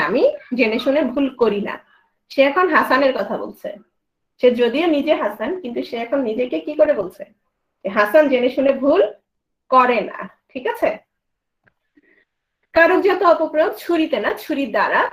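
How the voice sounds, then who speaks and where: A woman teaching a grammar lesson, quizzing her students with quick questions and then answering them herself. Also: high-pitched, lively intonation, poor audio. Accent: Bangladeshi Bengali.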